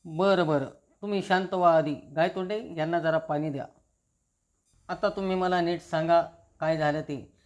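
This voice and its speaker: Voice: mid-range voice, fairly even intonation, moderate pace, a little mellow, dull audio, close to an everyday voice. The narrator reading as a firm woman collector. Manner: firm, commanding. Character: firm female district collector.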